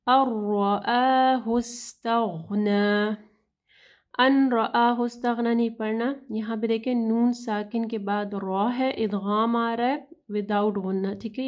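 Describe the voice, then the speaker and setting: Slow, flat-voiced woman teaching recitation. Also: mid-range voice. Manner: slow, deliberate, drawn-out recitation between short explanations; patient, repeating corrections. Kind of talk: tajweed lesson.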